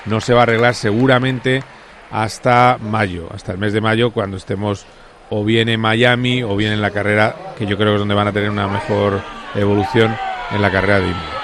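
A man's voice: on the low side, fairly even intonation, brisk, a bit bright, some chatter behind, a little hiss or hum. A man reporting on Formula 1 on sports radio, explaining at length with frequent hesitations.

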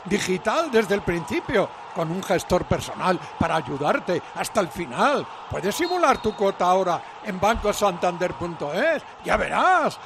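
A man's voice: sits high, very animated, normal speed, hardly any pauses. A man from reading a scripted promotional radio advert. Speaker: advert announcer. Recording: clear background noise.

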